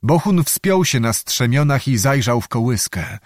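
A male audiobook narrator telling a historical tale in a measured, steady way. His voice sits at an ordinary middle pitch, recorded close and dry with no room sound. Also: no room sound.

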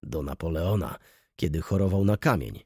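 A man's voice: low voice, big pitch swings, moderate pace, darkish tone, breathy edge, dry recording, pitched below the performer's own voice, exaggerated voice. A man doing a sardonic shop clerk. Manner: dry, mocking remarks. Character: sardonic male shop clerk, dry wit.

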